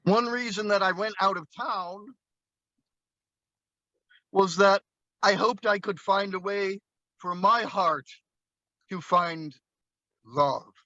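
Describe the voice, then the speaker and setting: A man does his magic act as a slow, playful storyteller. His voice sits high and bright, and now and then he breaks into excited whoops. The recording is dry and a little dull, with no room around it. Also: no room sound. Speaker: magician performing at an open mic show. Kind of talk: storytelling patter during a coin trick.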